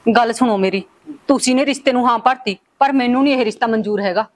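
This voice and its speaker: A woman playing a fierce high-voiced village mother. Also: quick pace, a little hiss or hum, close to an everyday voice. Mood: angry. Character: worried rural mother defending her daughter. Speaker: mother in a family drama. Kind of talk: village short-film acting.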